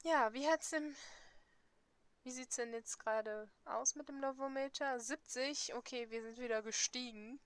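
A woman's voice: sits high, a little slow, smooth, no room sound. A young woman commenting casually on a game she plays, giggly and hesitant, from a desk microphone at home. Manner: giggly, hesitant, many fillers. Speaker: let's player.

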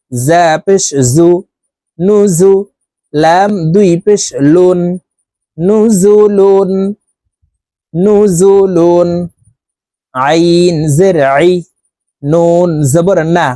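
A male Quran reading teacher leads a pronunciation drill, drawing out every letter and syllable at a very slow pace. His voice is dark and mellow, recorded close up in a dry, quiet space. Short explanations come quicker between the drawn-out recitations. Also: high-pitched, dry recording.

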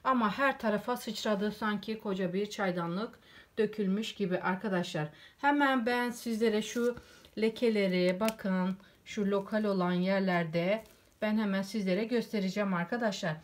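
A woman's voice: medium pitch, normal speed. Chatty woman demonstrating home cleaning. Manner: chatty, repeatedly addresses viewers as friends. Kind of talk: casual how-to demonstration. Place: at home by a rug.

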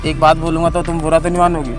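Teasing young man over loud music. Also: a little high, completely flat delivery, racing. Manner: teasing, laughing, pleading. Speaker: prankster vlogger. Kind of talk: casual prank chat with girlfriend. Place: outdoors in a park.

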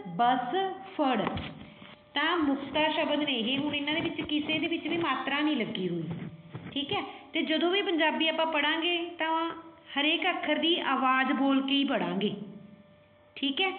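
A woman's voice: sits high, lively intonation, normal speed, slight background noise. A woman teaching young children to read Punjabi, patiently sounding out each letter. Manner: calls the children "puttar". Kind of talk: children's reading lesson. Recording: echoey, tinny phone-like audio.

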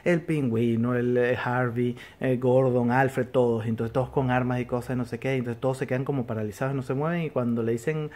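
A man talking through a TV episode as a casual reviewer, at a middling pitch. He rambles as he retells it, restarting phrases and trailing off with filler tags. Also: steady tone, brisk, hardly any pauses, a little mellow. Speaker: TV series reviewer.

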